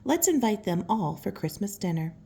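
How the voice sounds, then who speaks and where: A woman's voice: medium pitch, very animated, moderate pace, gravelly, warm tone, breathy edge, heavily acted. A woman playing a cheerful, hospitable old Santa, eager and reassuring, in a children's storybook reading.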